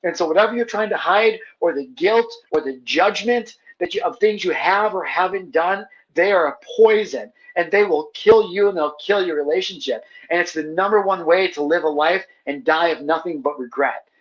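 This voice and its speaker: High-voiced passionate man, casual and emotional. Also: normal speed, hardly any pauses, lo-fi sound. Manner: passionate and heartfelt, casual slangy speech. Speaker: podcast guest, manifestation teacher. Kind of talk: emotional personal storytelling in conversation.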